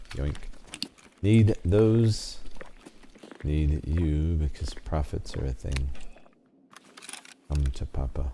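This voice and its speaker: A man with an extremely low voice talks his way through a shooter game in relaxed commentary. He teases the opponents he runs into with playful banter. Clear background noise and game clicks sit under his voice throughout. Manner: joking, teasing running banter with opponents. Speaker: game streamer. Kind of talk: casual gameplay commentary.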